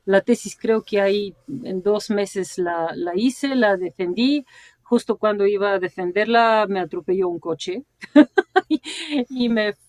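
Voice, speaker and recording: A woman in her forties from Bulgaria, interviewed as a sinologist and translator, tells her stories with animation at a measured pace, her mid-range voice a little mellow. She laughs as she speaks and adds a questioning "no" to nearly every phrase, with no room sound in the recording.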